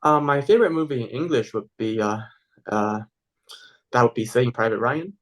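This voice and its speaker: Young guy w taiwanese accent, halting, restarts a lot, casual interview. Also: medium pitch, animated, a bit bright, poor audio. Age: young adult. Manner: hesitant, many fillers and restarts. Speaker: interview guest.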